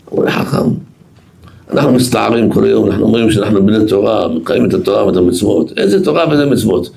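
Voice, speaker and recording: A man with an Israeli accent teaches a Torah lesson to a yeshiva class in a low, gravelly voice. He is emphatic and repetitive, getting loud and excited as he tells stories.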